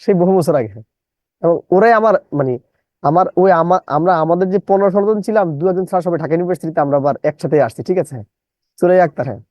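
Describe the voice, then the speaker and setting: A man's voice: high voice, racing, a little mellow, no room sound, rough recording. A middle-aged man from Bangladesh teaching a live online English lesson. He repeats his own questions and breaks words into syllables.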